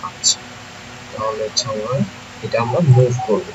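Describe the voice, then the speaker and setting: A man, teaching software in a screen-recorded tutorial, thinking aloud and often checking that listeners follow. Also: fairly low pitch, level tone, moderate pace. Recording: noisy home recording.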